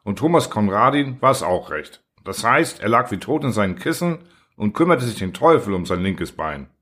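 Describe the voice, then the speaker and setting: A man reading a humorous first-person short story aloud in a wry, expressive style. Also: on the low side, normal speed. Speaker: audiobook narrator.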